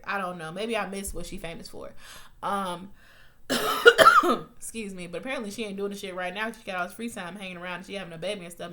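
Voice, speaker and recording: A woman's voice: mid-range voice, sharp tone. A woman giving a casual, rambling TV episode recap, swearing freely and airing blunt opinions. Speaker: TV show recap vlogger.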